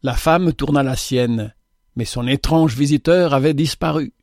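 A man reads a classic tale aloud in a measured, gentle manner. His voice sits in the middle range for a man. The recording is dry, with no room sound. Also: medium pitch, no echo. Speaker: narrator. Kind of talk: scripted storybook narration.

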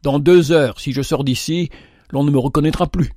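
A man's voice: a little high, moderate pace, mellow, no echo, natural voice. A man voicing a self-assured male convict who boasts of his good family and virtue.

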